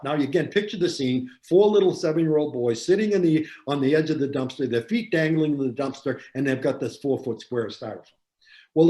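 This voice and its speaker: Man, seminar presenter, animated storyteller, repeats lines for emphasis, reverberant room. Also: medium pitch. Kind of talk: storytelling lecture. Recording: roomy echo.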